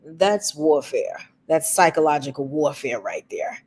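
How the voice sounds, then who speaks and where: A woman co-hosting a talk show, giving relationship advice in a slow, deliberate and emphatic way. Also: sits low, expressive, darkish tone. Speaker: podcast co-host.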